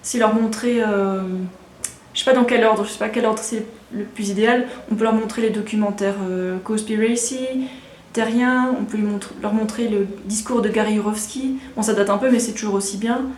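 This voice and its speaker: A woman's voice: medium pitch, steady tone, moderate pace, darkish tone, reverberant, slight background noise. A woman in her thirties from Alsace, chatting casually and frankly as a vlogger, rambling with lots of fillers and restarts. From Alsace, France. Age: 30s. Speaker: vlogger answering viewer questions. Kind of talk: casual chat.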